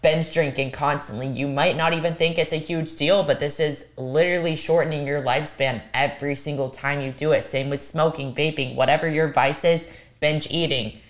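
A woman's voice: deep voice, fairly even intonation, normal speed. A woman co-hosting a podcast, talking frankly and earnestly with plenty of swearing. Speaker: podcast co-host. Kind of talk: casual chat.

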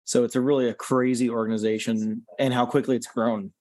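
In a laid-back interview chat, a male podcast guest who organizes concerts explains things, restarting frequently and using plenty of "um" and "you know". He speaks briskly with a medium-pitched voice, and there is no echo.

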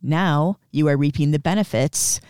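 A man's voice: on the high side, moderate pace, darkish tone, smooth, no echo, clean studio sound. A man hosting a casual podcast interview, talking in an effusive, complimentary way. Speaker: podcast host.

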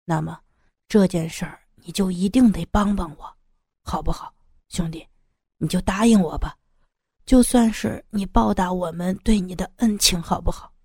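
A woman's voice: on the low side, moderate pace, darkish tone, husky, no echo, studio quality. A woman voicing a desperate middle-aged man who sighs heavily and stammers through his pleas, in an audiobook story. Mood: pleading. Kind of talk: audiobook character voice.

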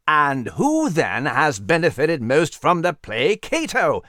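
Brief: narrator as polite bespectacled male animal, gentle and lively. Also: a little high, takes it slowly, dry recording, studio quality, full character voice. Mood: musing. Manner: courteous and methodical, says "my dear". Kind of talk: storybook character voice.

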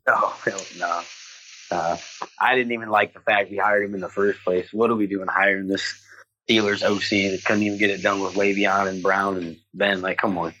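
A husky-voiced, fairly low man speaks bluntly over a video call, cursing freely in casual chat. The call audio is dull and lo-fi and breaks up now and then. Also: level tone, moderate pace, pushed and bright. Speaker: football fan guest.

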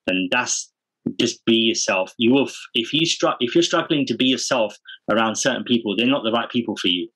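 A man's voice: medium pitch, a little fast, a bit bright, breathy edge, poor audio. A man speaking earnestly and informally as a guest in a casual podcast interview. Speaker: podcast guest, parenting community founder.

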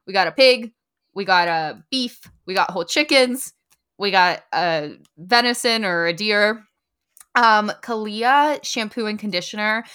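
A young adult woman co-hosts a podcast in a casual, upbeat chat, laughing often. Her mid-range voice is pushed and bright, and the tone is clean.

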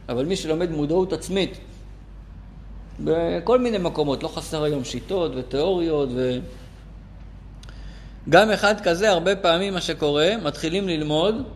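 A man teaching a lesson to a live class, telling a story animatedly, his voice jumping up for emphasis. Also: slight background noise. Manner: animated, pitch jumps up for emphasis. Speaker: Torah teacher.

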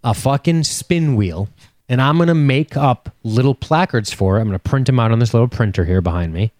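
Animated joking man co-hosting. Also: mid-range voice, a little fast, dry recording. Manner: animated, joking, swears freely. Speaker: podcast co-host. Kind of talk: casual chat. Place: home studio.

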